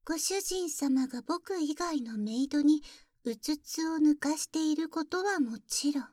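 High-voiced maid girl, jealous and teasing, whispers right in your ear, dry close mic, woman acting it. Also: animated, measured pace, mellow, no echo. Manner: very formal, deferential speech with teasing jabs. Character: polite, jealous young maid who calls herself boku. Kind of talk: ASMR roleplay audio drama.

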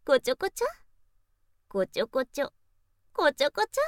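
A woman's voice: high-pitched, very animated, normal speed, dry recording, clean studio sound. A woman voicing a teasing, playful older sister in an intimate audio role-play, coaxing in a sing-song way. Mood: playfully mischievous.

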